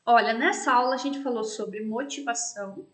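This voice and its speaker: A woman's voice: a little high, normal speed, echoey room. A woman teacher with a Brazilian accent from Paraná, giving a recorded class lecture in an explanatory way and often ending with "né?". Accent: Brazilian Portuguese, Paraná. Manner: explanatory, frequent tag questions "né?".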